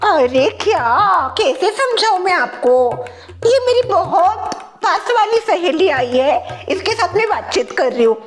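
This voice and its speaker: A woman's voice: very high-pitched, very animated, measured pace, soft background music, heavily acted. A woman playing a bossy, scolding mother-in-law in a comedy sketch, flustered when caught out.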